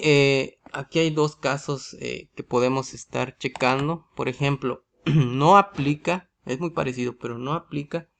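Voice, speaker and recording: Male teacher with a Mexican Spanish accent, mid-pitched and gravelly, walks through rules with constant "¿sí?" check-ins. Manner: asks rhetorical questions, often adds a tag "¿sí?". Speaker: English teacher. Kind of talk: explaining grammar in a video lesson.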